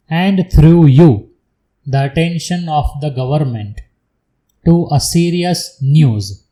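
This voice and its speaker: Slow dictation man, mellow. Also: fairly high pitch, poor audio. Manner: measured delivery in short separated phrases, announcing paragraph breaks. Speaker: shorthand dictation reader.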